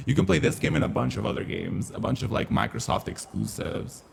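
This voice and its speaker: A man's voice: lowish voice, big pitch swings, normal speed, creaky, a little hiss or hum. A man streaming a game through a voice changer, chatting casually and campily with his viewers. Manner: chatty, campy, playful. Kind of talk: casual live-stream commentary.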